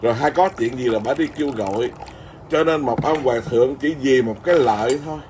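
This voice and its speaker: A Buddhist monk, telling a story in an informal, rambling Dharma talk full of restarts. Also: male voice, mid-range voice, fairly quick, darkish tone, a little hiss or hum. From Vietnam.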